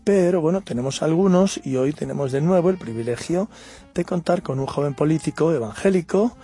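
Man, pastor, radio interview host, encouraging, fairly high voice, faint music behind. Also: expressive, fairly quick, dark tone, slightly rough.

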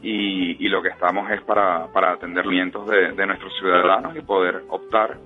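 A Venezuelan-born politician speaks as a radio guest in a measured, earnest way. His voice is very low. He comes through a tinny phone line with faint music behind. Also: level tone. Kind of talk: radio interview.

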